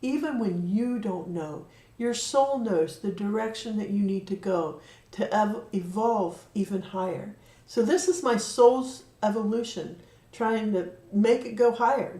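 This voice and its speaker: A woman's voice: mid-range voice, a little slow, dark tone. Earnest woman giving a card reading. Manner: earnest, emotional, talks directly to a viewer. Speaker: card reader and medium. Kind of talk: spiritual livestream card reading. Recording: echoey room.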